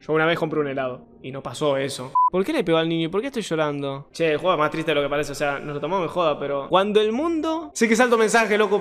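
A man's voice: fairly high pitch, a bit bright. A young Argentine man casually commenting on a game he plays, slangy, swearing and saying "boludo" a lot. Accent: Argentine Spanish. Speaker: gaming streamer. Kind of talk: casual let's-play commentary.

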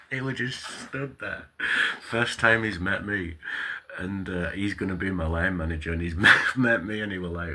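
A middle-aged man, telling a story in a casual, animated monologue, acting out quoted dialogue and swearing now and then. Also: low voice, slight background noise. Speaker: vlogger.

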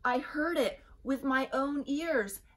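A woman voicing an excitable, panicked little female chick in a storybook, with emphatic, drawn-out alarm. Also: sits high, pitched above the performer's own voice. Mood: insistent, dramatic.

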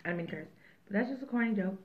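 A woman hosts a mukbang video, chatting casually and rambling with jokes between bites. She speaks rapid-fire at a medium pitch, and the sound is tinny and phone-like.

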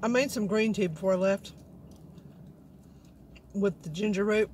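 A woman's voice: mid-range voice, a little slow, darkish tone. Brief: woman vlogger, rambling chat with her mouth full, faint car noise behind. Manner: rambling, chatty, talks to viewers. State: talking while chewing. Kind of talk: casual eating vlog chat. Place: parked car.

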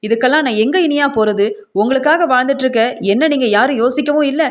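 A hurt middle-aged mother reproaches her daughter in an aggrieved way, read out by a woman narrator. The voice is high and plain. It comes from a spoken retelling of a TV serial. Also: fast, close to an everyday voice. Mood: reproachful.

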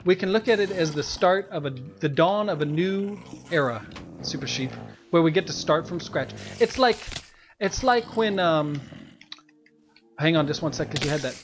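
A man's voice: a little high, background noise. A man co-hosting a Let's Play, chatting casually in a rambling, self-mocking way and laughing often. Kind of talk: casual gameplay chat.

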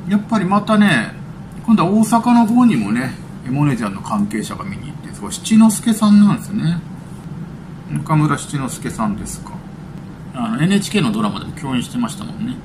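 A man's voice: on the high side, sing-song, brisk, noisy background. A man hosting a casual vlog from home, chatting loosely while eating and reading news items aloud with his own remarks. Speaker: channel host.

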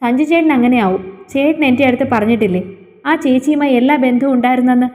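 A woman's voice: high-pitched, fast talker, a little mellow, pitched above the performer's own voice, natural voice. A woman voicing a frightened, tearful young wife in a storybook reading, defensive and pleading. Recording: long hall reverb.

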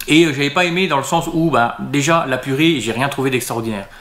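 A man's voice: medium pitch, fast, fairly bright tone, reverberant. A man talking casually to camera as a restaurant vlogger, hesitant and full of fillers and restarts.

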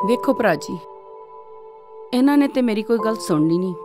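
An actress playing a jealous, complaining village wife who insists on being heard. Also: female voice, a little high, animated, a little fast, close to an everyday voice. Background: film score music.

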